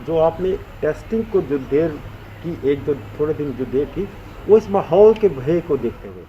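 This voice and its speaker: A man's voice: a little high, lively intonation, measured pace, dull audio, a little hiss or hum. A man with a Jammu Hindi accent interviewing a guest, probing with questions and slipping into English phrases. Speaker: news interviewer.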